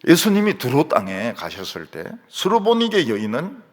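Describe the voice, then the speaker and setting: A male pastor with a Gyeongsang accent preaching a sermon in a church, telling stories in an animated way and acting out the voices he quotes. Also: mid-range voice, normal speed. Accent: Gyeongsang Korean. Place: church sanctuary. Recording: reverberant church hall.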